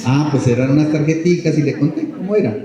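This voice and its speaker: A man's voice: on the high side, quick pace, a crowd in the background. A man leads a parenting workshop, telling stories and putting questions to his audience. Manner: warm storytelling, asks the audience questions. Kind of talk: informal parent workshop talk. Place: school hall. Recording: echoey hall, long reverb.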